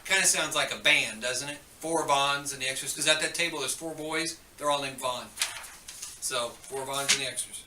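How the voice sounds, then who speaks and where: A man's voice: medium pitch, moderate pace, sharp tone, roomy sound, recorded from a distance, a little hiss or hum. A man giving chatty, joking school morning announcements, turning stern when he scolds students, heard over the school intercom.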